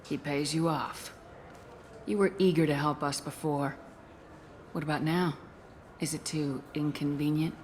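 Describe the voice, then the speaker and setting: A resolute female military commander in a video game, pitched quite low. Her delivery is cool, controlled and direct, the sound of someone used to giving orders. Faint noise is heard behind her. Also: steady tone, a little slow, long pauses, darkish tone. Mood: firm, confident. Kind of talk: dramatic video game acting.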